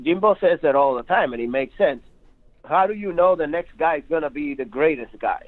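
A man co-hosting a sports talk show, excitable and needling, arguing back in disbelief. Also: on the high side, brisk, dry recording. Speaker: podcast co-host. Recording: tinny phone-like line, dry.

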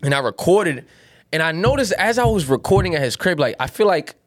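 A man's voice: a little high, very animated, brisk, no echo, studio quality. A man in a casual chat, telling things in a slangy, rambling way full of bro talk. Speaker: music producer.

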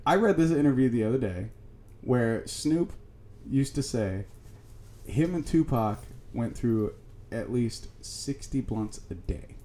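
A man hosting a podcast in casual banter, animated and swearing freely as he jumps in. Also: mid-range voice, slow. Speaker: podcast host.

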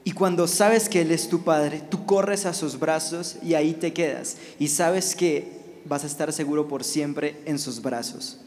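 A man speaking slowly and deliberately as he reflects on his faith in church. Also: fairly high pitch, darkish tone. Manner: slow and deliberate. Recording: crowd and faint room noise.

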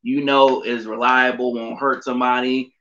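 Here a middle-aged man delivers his words flatly at a normal speed, his medium-pitched voice bright and forceful. The recording is dull and lo-fi. As a podcast guest in a casual interview chat, he rambles, full of fillers, restarts and self-corrections.

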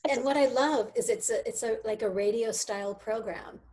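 A woman hosts a casual show about daytime soaps, bubbly and upbeat as she chats. Her voice sits fairly high. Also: normal speed, a little mellow. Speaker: show host.

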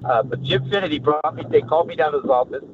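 A man's voice: fairly high pitch, quick pace. Man rambling over a tinny line. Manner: rambling, profane, animated anecdotes. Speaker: actor guest. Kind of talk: casual storytelling. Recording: tinny phone-like line, noisy.

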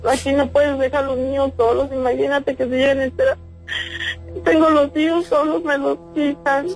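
A woman's voice: high-pitched, little pitch movement, moderate pace, faint music behind. A woman with a Mexican accent, a distraught, swearing mother-in-law venting at length on a phone call. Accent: Mexican Spanish. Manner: distraught, profane, talks in long venting runs. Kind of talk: heated phone conversation.

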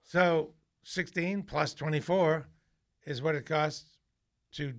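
A man's voice: fairly high pitch, steady tone, takes it slowly, a bit bright, no echo, clean studio sound. A male radio talk show host interviewing guests, asking pointed questions in a casual way. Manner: curious, asks pointed questions.

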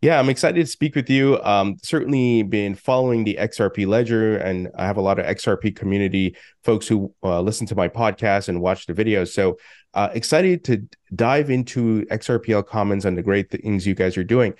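A man's voice: fairly low pitch, brisk, a little mellow, no room sound, studio quality. A man hosting a crypto podcast, reading a sponsor spot and greeting his guest in a friendly, upbeat way. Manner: upbeat and friendly, some fillers. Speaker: podcast host. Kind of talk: podcast interview and read ad.

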